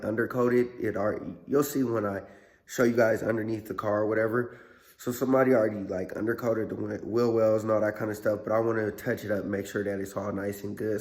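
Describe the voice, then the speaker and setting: A man hosting a casual car repair vlog in a workshop, talking in a laid-back, slangy way with a hoarse, under-the-weather voice. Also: fairly low pitch, a little mellow.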